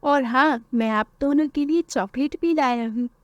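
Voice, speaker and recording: A woman voicing a sly male thief who sweet-talks children in a cartoon story, with a coaxing, quick manner. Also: high-pitched, no echo, muffled recording, close to an everyday voice.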